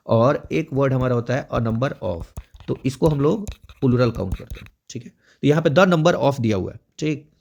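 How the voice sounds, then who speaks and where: A man's voice: medium pitch, animated, moderate pace, creaky, darkish tone. A man teaching an exam prep grammar lesson, explaining step by step and checking in often. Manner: explains step by step with frequent "theek hai" check-ins.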